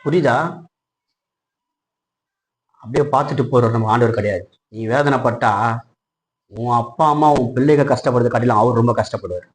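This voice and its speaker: A man preaching a passionate sermon, putting questions to his congregation and building to loud, high-pitched peaks. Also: moderate pace, long pauses, poor audio. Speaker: pastor.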